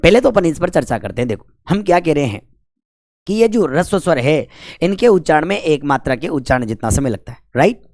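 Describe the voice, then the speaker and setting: A man's voice: fairly high pitch, big pitch swings, fairly quick, a little mellow, dry recording, studio quality. A man teaching grammar for exam prep. He asks questions, answers them himself and stretches out the vowel sounds. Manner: chatty, with jokes between the rules.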